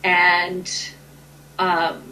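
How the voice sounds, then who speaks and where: Slow, hesitant woman healer guest. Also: fairly low pitch, monotone, pushed and bright, slight background noise, low-quality recording. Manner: hesitant, lots of ums and restarts. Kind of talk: conversational interview.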